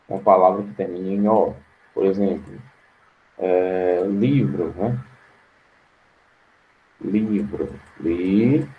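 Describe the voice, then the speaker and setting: A male teacher with a Brazilian Portuguese accent giving an online grammar lesson, patient and slow, repeating words to his students. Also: deep voice, narrow, tinny audio.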